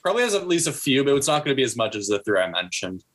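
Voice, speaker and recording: A man's voice: medium pitch, very animated, racing, a crowd in the background. A young man in casual podcast chat, rambling with lots of fillers and playful made-up stories. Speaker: podcast co-host.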